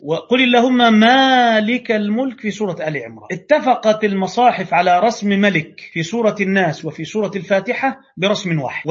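Egyptian male lecturer, high husky voice, rapid delivery, dull call-quality audio. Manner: animated, mixes classical and colloquial Arabic, role-plays debates. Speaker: Quran recitation teacher. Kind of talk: online lecture. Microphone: video call.

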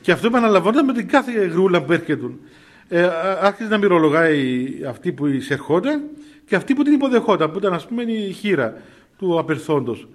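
A man's voice: sits high, very animated. A middle-aged man, a priest giving an informal sermon full of stories, chuckling often and restarting his phrases. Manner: storytelling, chuckling often, many fillers and restarts. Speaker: priest giving a spiritual talk.

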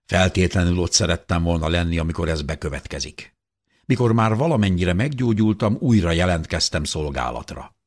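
A man reading a first-person audiobook narration in an expressive voice that rises with tension. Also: sits low.

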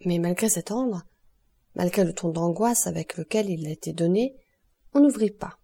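A woman narrating a classic novel as an audiobook, in a measured, expressive reading. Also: lowish voice, vocal fry, breathy edge.

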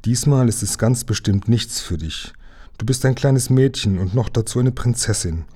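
A man's voice: medium pitch, normal speed, mellow, slightly rough, lightly acted. A man reading a storybook aloud, voicing a brave, slightly boastful young boy who talks firmly.

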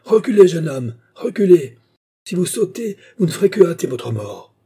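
A man reading an audiobook, voicing a menacing fanatical workman who preaches doom loudly. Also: medium pitch, moderate pace, husky, voice pushed up, lightly acted. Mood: threatening.

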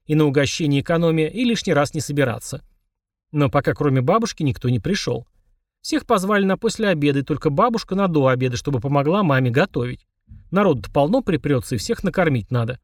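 A man narrating a children's fantasy book aloud in an expressive, wry storytelling manner. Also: fairly high pitch, no room sound, studio quality. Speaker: audiobook reader.

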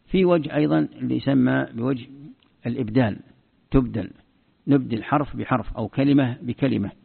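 A male Islamic scholar giving a lesson on Quranic variant readings, explaining plainly and slowing down to recite verses with care. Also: mid-range voice, vocal fry, breathy edge. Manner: slow deliberate recitation of verses between explanations. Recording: tinny phone-like lo-fi recording.

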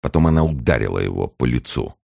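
A man narrating an audiobook in a measured, serious reading style. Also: a bass voice, expressive, creaky, warm tone, no room sound, studio quality. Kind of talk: scripted narration.

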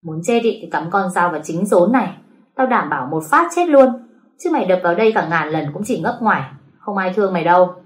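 A sharp-tongued young wife who mocks and cuts, voiced by a woman reading a story. Her lines climb high and loud when she jeers, scornful throughout. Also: natural voice. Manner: scornful, cutting.

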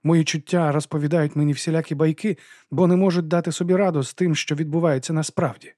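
Man voicing Susan, a brisk analytical young woman. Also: on the high side, fairly even intonation, darkish tone, no echo, clean studio sound, pitched above the performer's own voice, natural voice. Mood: wry. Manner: brisk questioning, thinking aloud.

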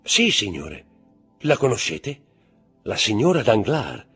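A man's voice: lowish voice, wildly swooping pitch, slow, fairly bright tone, husky, soft background music, heavily acted. A man voicing a frantic noble Parisian mother, pleading and crying out, in an audiobook reading. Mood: anxious. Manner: pleading, breathless, cries out.

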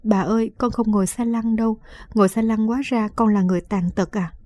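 A woman's voice: fairly high pitch, fairly even intonation, brisk, mellow, no echo, close to an everyday voice. A woman voicing a shy, insecure young granddaughter who pleads naively. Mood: pleading.

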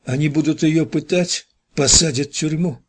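A man voicing a dying, overweight man who wheezes and pleads in a hoarse, husky voice while coughing up blood. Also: fairly high pitch, normal speed, pitched above the performer's own voice. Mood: pleading.

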